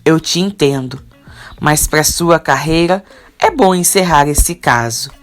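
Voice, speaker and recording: A woman reading the lines of a hesitant, earnest young man in love from a soap opera recap, at an unhurried pace. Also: deep voice, faint music behind.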